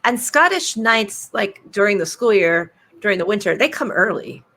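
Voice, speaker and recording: Picture a woman author hosting a casual chat over a video call. She tells her stories with flair, full of sudden dramatic exclamations and quick asides. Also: medium pitch, sing-song, bright, forceful tone. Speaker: author interviewing a guest at a bookshop event.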